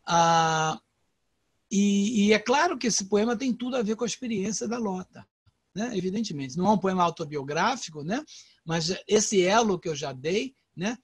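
An older man with a Brazilian Portuguese accent giving a relaxed online poetry lecture, talking conversationally with many "né?" tags and restarts. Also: sits high, normal speed, slightly rough, no echo. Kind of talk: informal literary lecture.

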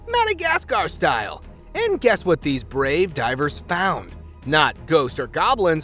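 A man's voice: high-pitched, a bit bright. A man giving playful, slangy scripted narration for a countdown video. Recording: music bed under the voice.

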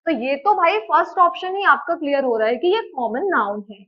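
In a muffled recording, a woman with a high, lively voice teaches an exam-prep grammar lesson at a slightly quick pace. She keeps posing questions to the class and answering them herself, repeating "ठीक है" ("okay") to check that everyone understands.

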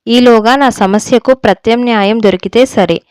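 A woman's voice: on the high side, fairly even intonation, normal speed, a little mellow, clear, resonant tone, no room sound, close to an everyday voice. A woman voicing a fed-up, defiant young daughter-in-law who speaks heatedly in a storybook reading.

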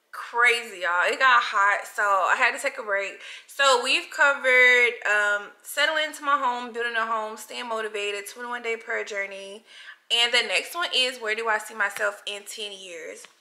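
A woman's voice: a little high, moderate pace, sharp tone. A 30-year-old woman vlogging casually from her couch, talking with lots of "like" and "y'all". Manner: chatty, frequent "like" and "y'all" fillers. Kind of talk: casual chat to camera. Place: bright living room, seated on a couch. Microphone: camera in front of her.

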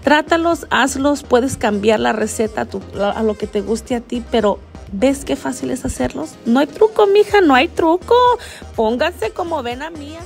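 Talking at a moderate pace in a creaky, higher-pitched voice, a vlogger chats with her viewers as if they were friends, mixing Spanish and English. She films on a phone held at arm's length, moving from her kitchen at home into a car. Faint music plays in the background.

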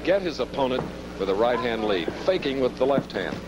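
A man's voice: medium pitch, big pitch swings, brisk. A man giving live boxing commentary at ringside on a noisy broadcast. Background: loud background noise.

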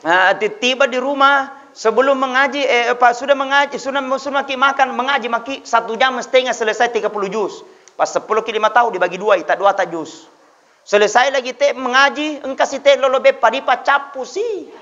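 A man giving a humorous sermon, moving between chatty storytelling asides and loud exhortation. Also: very high-pitched, brisk. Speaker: preacher. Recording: dull lo-fi audio.

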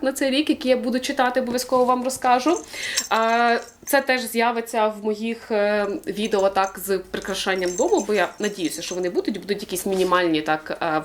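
A young woman vlogging from home as she unboxes a gift, chatty and thankful, often pausing with fillers. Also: medium pitch. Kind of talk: casual unboxing chat. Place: home room.

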